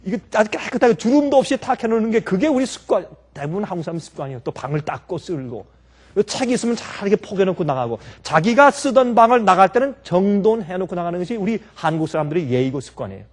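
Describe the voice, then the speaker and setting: A man's voice: sits high, fast. A man preaching a sermon as pastor, talking to the congregation with many rhetorical questions and acted-out everyday scenes. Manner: lively, acts out everyday scenes and quotes.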